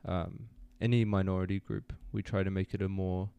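A young man born in New Zealand, a student guest telling his story in a relaxed, easygoing way on an interview podcast. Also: low voice, moderate pace, gravelly, clear, resonant tone, dry recording, muffled recording. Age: young adult. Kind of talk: casual interview.

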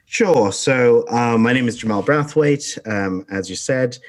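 A man's voice: medium pitch, unhurried. A man in his twenties from Barbados, a podcast guest talking about himself with many ums and restarts. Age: 20s. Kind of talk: casual interview talk.

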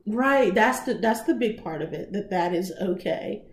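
A woman in her twenties co-hosting a podcast, chatty and quick to laugh. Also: medium pitch, expressive. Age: 20s. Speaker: podcast co-host. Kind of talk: casual chat. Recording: echoey room, faint background noise.

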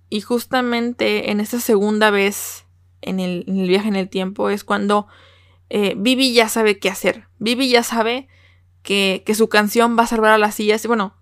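A woman's voice: fairly high pitch, dry recording, clean studio sound. A young Mexican woman with a Mexican Spanish accent, talking casually and emotionally to viewers about an anime, often repeating words. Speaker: anime reviewer.

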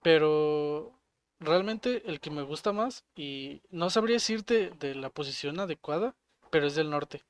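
A man's voice: on the high side, expressive, unhurried. A man with a Mexican accent from Jalisco, co-hosting a podcast in casual chat and explaining ideas with everyday examples. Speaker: podcast co-host.

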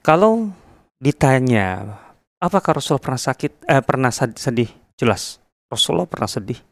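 Gravelly-voiced Indonesian ustadz giving a talk. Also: male voice, mid-range voice, animated, dry recording, studio quality. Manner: measured, with many fillers and Arabic quotations. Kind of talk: podcast religious talk.

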